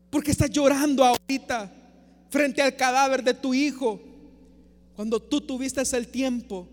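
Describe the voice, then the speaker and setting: A male preacher gives an impassioned sermon full of rhetorical questions, moving between loud and soft. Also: extremely high pitch. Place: church. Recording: long church reverb.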